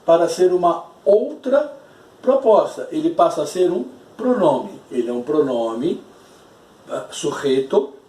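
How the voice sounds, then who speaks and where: Slow-talking man teaching in an echoey room. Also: a little high, very animated, dark tone. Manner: slow, explanatory, repeats key terms. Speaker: Spanish teacher. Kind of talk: recorded classroom lesson. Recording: echoey room, distant from mic.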